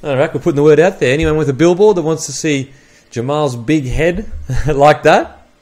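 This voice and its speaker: A man's voice: a little high, normal speed, a little mellow. Blokey male podcast host, casual and slangy. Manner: blokey, slangy, says bro and man often. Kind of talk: casual interview chat.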